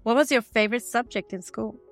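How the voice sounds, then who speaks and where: A woman's voice: fairly high pitch, a little fast, soft background music. A woman hosting a podcast, formally reading out prepared questions. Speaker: podcast host.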